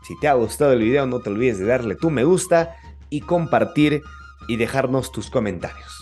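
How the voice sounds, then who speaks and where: A man's voice: mid-range voice, normal speed, a little mellow, soft background music. A man teaching Quechua pronunciation, repeating each word several times. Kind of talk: pronunciation lesson.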